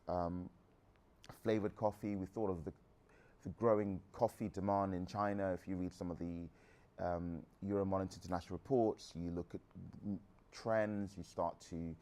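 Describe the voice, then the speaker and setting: This thirtysomething man from England has a low, gravelly voice with a slightly mellow edge. Appearing as a guest entrepreneur, he takes questions from the audience in a candid, meandering style, frequently starting over.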